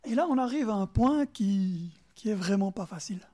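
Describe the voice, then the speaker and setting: A man with a Bernese Jura French accent preaching a sermon, emphatic and animated, speaking straight to his listeners and sometimes dropping to soft asides. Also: sits high, moderate pace. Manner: talks directly to listeners in second person.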